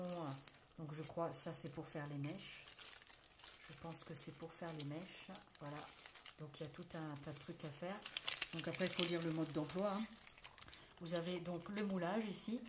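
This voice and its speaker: Chatty French woman unboxing crafts. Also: sits low. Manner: chatty, many fillers and "voilà", narrating her hands. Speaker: crafts vlogger. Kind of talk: casual show-and-tell unboxing. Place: indoors at a table, not her home. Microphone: phone camera. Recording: loud crinkling and clicking noise.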